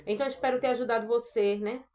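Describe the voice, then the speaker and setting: A woman with a Brazilian Portuguese accent giving a gentle, earnest devotional Bible talk, addressing her listeners as sisters. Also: on the high side, fairly even intonation, rapid-fire. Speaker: preacher.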